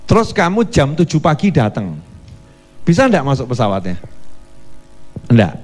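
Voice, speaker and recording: A man preaching a midday sermon, playful and lively, tossing quick questions to the congregation. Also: medium pitch, in a large hall, faint music behind.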